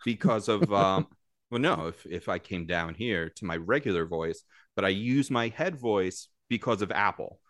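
A man's voice: deep voice, expressive, normal speed, a bit bright, no room sound, clean studio sound. Chatty man with a nasal host voice. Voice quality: nasal, upbeat presentation voice. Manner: loose and chatty, swears casually. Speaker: podcast host. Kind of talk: casual chat.

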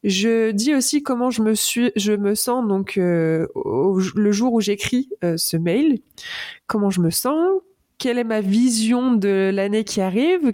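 A woman's voice: medium pitch, a little mellow. A young woman hosting a casual solo podcast, speaking with many hesitations and fillers. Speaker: podcast host.

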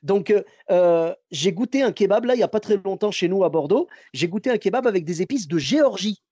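Friendly guy hosting a podcast, kinda high but mellow, dry close sound, lots of euh. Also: animated, fairly quick, no room sound. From Morocco. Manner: friendly, chatty, many fillers. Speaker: podcast host. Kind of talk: casual podcast chat.

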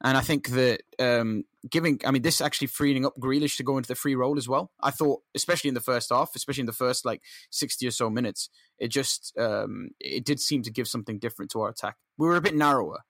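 A man's voice: mid-range voice, fast talker, few pauses, fairly bright tone, no echo. A man co-hosting a football podcast, talking earnestly and rambling with restarts. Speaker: podcast co-host. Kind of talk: casual football chat.

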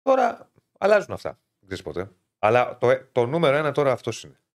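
A man's voice: medium pitch, wildly swooping pitch. A man from Greece hosting a casual sports talk show, chatty and jokey with loose asides. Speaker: podcast host.

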